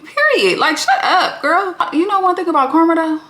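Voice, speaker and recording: A woman hosting a reality TV recap, talking bluntly and with plenty of profanity in an animated, candid way. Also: extremely high pitch, normal speed. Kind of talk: candid vlog commentary. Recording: roomy echo.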